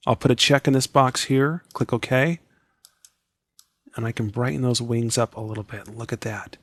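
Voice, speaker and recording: A software tutorial instructor walks viewers through an editing program click by click in a screen-recorded lesson, relaxed and chatty. His mid-range voice sounds scratchy and worn, as if he is losing it, and he keeps a moderate pace. The recording is close and dry, with no echo or room sound.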